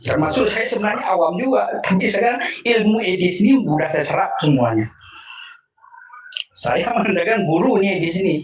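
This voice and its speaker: A man's voice: sits high, animated, moderate pace. A man calling in to a discussion, talking in an earnest, questioning way that circles back on its points. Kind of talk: casual call-in discussion. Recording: echoey, distant from mic.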